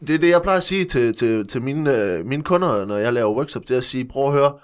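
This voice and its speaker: A man in his thirties playing an earnest male workshop leader who preaches crude national pride, hesitant and full of fillers, for a deadpan comedy interview. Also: medium pitch, clean tone, natural voice. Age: 30s. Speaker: guest.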